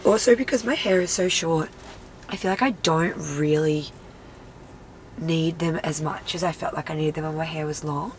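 A woman's voice: sits low, moderate pace, a little hiss or hum, poor audio. A woman in her thirties with a nasal, congested voice from a cold, chatting candidly to camera from her car with plenty of "like" fillers. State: sick with a cold. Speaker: vlogger and mum. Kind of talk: casual car chat to camera. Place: inside a parked car.

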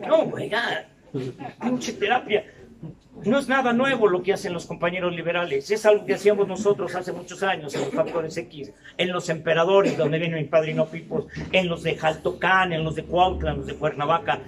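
An older man with a Mexican Spanish accent giving a profane, confrontational testimony to a recovery group, shouting in bursts. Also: sits high, moderate pace, far from the mic, crowd noise.

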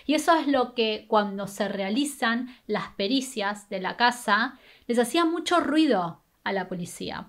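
A young Argentine woman tells a true crime story at a brisk, casual pace while doing her makeup in a small bedroom. Her voice sits a little high, and she talks straight into a camera at desk distance. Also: a bit bright. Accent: Argentine Spanish. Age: young adult. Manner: conversational, brisk, with filler "eh" and "¿no?". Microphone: webcam or camera at desk distance.

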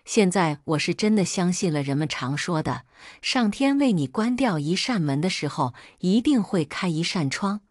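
A woman narrating a first-person audiobook story with dramatic storytelling flair. Her voice sits on the low side, and the recording is dry with no room echo. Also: big pitch swings, moderate pace.

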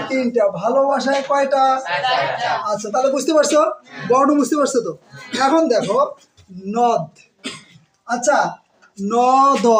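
A male teacher giving an exam-prep grammar lesson. He asks his students questions, answers them himself, and repeats words slowly, stretching out each syllable. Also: extremely high pitch, poor audio.

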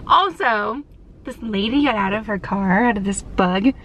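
A woman chatting casually to her camera in a vlog, lively and rambling, out and about on a hot day. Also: medium pitch, measured pace, a little hiss or hum. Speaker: vlogger.

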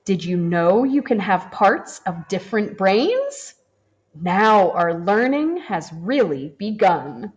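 In a teacher-like read-aloud of a children's storybook, a woman's voice stays warm, gentle, and unhurried while swooping expressively up and down to hold young listeners' attention. The camera looks down at the book and hands turning pages, and the audio lacks highs.

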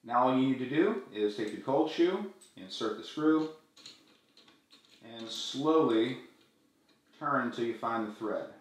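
A middle-aged man hosting a gear tutorial, walking through each step in a friendly, clear way. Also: medium pitch, expressive, unhurried, long pauses, a little hiss or hum. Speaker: video tutorial host. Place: small room indoors, echoey. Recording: very echoey room.

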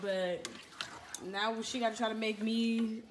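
Loud, playful young woman vlogger. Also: fairly high pitch, level tone, measured pace. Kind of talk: casual cooking vlog chat. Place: home kitchen. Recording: noisy kitchen with frying sizzle.

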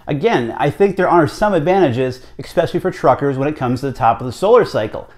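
Here the radio hobbyist vlog host, an American-accented man in his thirties, talks fast in a fairly high, expressive voice. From inside a small home office he offers conversational, emphatic commentary to the camera, often asking rhetorical questions.

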